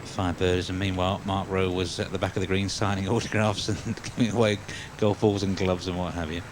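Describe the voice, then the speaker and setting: A man's voice: deep voice, little pitch movement, a little fast, noisy background. A man working as a golf commentator, calling a tournament live.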